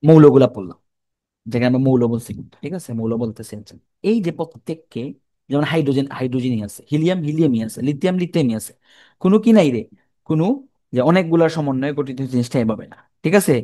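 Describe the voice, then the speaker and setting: A man's voice: medium pitch, fast, warm tone, dry recording. Bangladeshi man teaching chemistry, dry sound. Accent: Bangladeshi Bengali. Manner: informal, asks students questions and answers them himself; repeats terms, colloquial speech. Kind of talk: classroom lecture to students.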